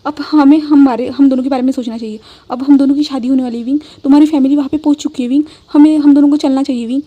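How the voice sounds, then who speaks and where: Possessive mafia guy, smug and pushy, high soft voice, woman reading it out. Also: fairly even intonation, very fast, close to an everyday voice. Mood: gloating. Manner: pleading then gloating, emphatic. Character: possessive young male mafia boss, menacing.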